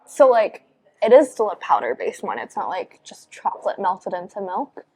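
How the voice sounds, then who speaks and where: A woman's voice: mid-range voice, very animated, moderate pace, darkish tone, slightly rough. A young woman, chatting casually in a cafe for her vlog, full of "like" and "um". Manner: bubbly, many fillers like "like" and "um". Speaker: vlogger. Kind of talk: casual chat. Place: cafe, indoors, on a couch.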